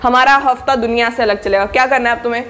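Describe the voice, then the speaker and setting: A young woman with a somewhat high voice talks students through a study plan. She is chatty and encouraging, and keeps checking that her listeners are following along. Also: fairly even intonation, quick pace, fairly bright tone. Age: young adult. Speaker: study-tips YouTuber for board exam students. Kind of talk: casual spoken study coaching to camera.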